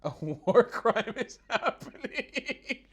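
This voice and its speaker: A man's voice: very high-pitched, big pitch swings, drawn-out words, background noise. A man hosting his own channel, giving mocking, sarcastic commentary on news clips, often laughing and swearing. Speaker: political commentary host.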